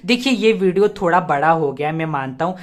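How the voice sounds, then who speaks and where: A young man with a rather high voice talks through a grammar lesson slowly and step by step. He repeats each key word several times and poses rhetorical questions to his students. He often stops to spell words out letter by letter. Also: lively intonation. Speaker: teacher.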